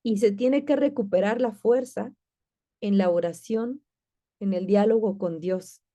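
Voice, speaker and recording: A woman leads a Bible lesson, explaining in a relaxed, talky manner. She often pauses on fillers and restarts her sentences. Her voice is soft and dark in tone. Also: medium pitch. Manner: warm, conversational, with many fillers and restarts. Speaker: Bible class teacher.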